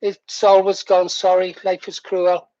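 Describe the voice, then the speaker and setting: A man's voice: high voice, completely flat delivery, unhurried, darkish tone. A man over sixty, chatting casually to viewers as he hosts a livestream. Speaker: livestream host. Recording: muffled, echoey room.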